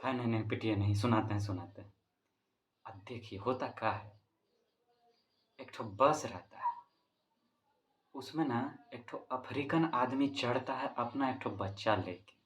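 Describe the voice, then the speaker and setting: A teacher with a Bihari accent jokes with his class in a playful, casual way, talking straight to the students and repeatedly cracking up with laughter. His voice is mid-range and unhurried, with frequent pauses. A faint hiss or hum sits under the recording.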